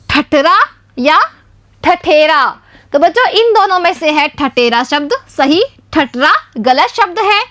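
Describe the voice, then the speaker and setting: A woman teaching a Hindi spelling lesson to young children, slowly and patiently sounding out each letter, with a Rajasthani Hindi accent. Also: high voice, sharp tone, dry recording. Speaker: primary school teacher.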